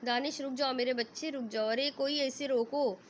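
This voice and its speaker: A woman's voice: high voice, steady tone, a little hiss or hum, natural voice. A woman voicing a protective mother who cries out and scolds. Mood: alarmed. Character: anxious, protective mother of the groom.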